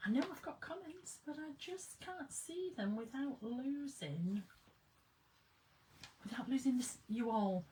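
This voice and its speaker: Chatting excitedly and bubbling over, a woman greets her viewers and reads their comments during a casual craft live stream in her workroom. Her voice is high, her pace measured, and there's slight background noise.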